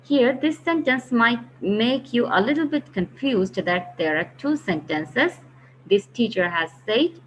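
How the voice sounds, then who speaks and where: A woman walks students through a grammar lesson, patiently explaining and going back over key phrases. Her voice sits fairly high. The recording is muffled and lo-fi, with a faint hiss underneath. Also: animated, unhurried. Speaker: English grammar teacher.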